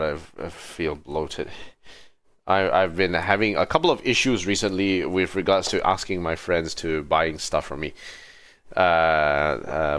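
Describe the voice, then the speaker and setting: A livestreamer playing a video game rambles casually with chat in a low voice, telling stories in an animated way with exasperated asides. Game music plays behind his voice.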